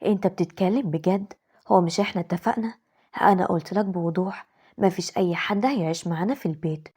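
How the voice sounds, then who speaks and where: A woman with an Egyptian accent voicing a firm, indignant young wife in an animated story, in a breathy voice. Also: lowish voice, fast.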